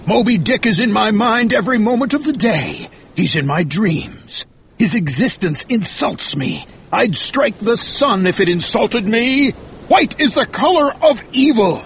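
A fierce old-sea-tale whaling captain, pitched high and swooping widely. He declaims with roaring, vengeful obsession, dragging his words for dramatic weight in an audiobook style. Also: animated, a little slow, a bit bright, slight background noise, full character voice. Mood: obsessed, raging.

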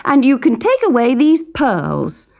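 A woman's voice: huge pitch swings, unhurried, creaky, darkish tone, exaggerated voice. Woman doing a petulant spoiled princess. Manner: high, petulant, sulky. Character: spoiled young princess, cross and demanding. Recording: music playing behind.

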